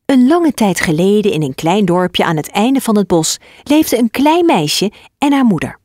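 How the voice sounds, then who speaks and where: Lively woman storybook narrator. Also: medium pitch, measured pace, dry recording, studio quality.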